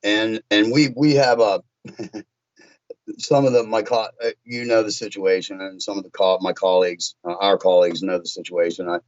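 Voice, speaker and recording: A man's voice: fairly low pitch, little pitch movement, no echo. Hesitant man telling stories on a dull line. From Virginia, US. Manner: halting, restarts often, storytelling. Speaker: guest, tint shop owner. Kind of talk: podcast interview.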